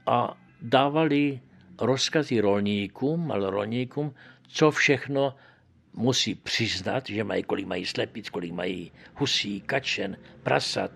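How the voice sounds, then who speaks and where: A man's voice: on the low side, gravelly, husky. An older man from Moravia telling his life story in a conversational way, often adding tag questions. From Moravia, Czech Republic. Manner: conversational, keeps adding tag questions, acts out quoted lines louder. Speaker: witness recounting his youth. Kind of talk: oral history storytelling.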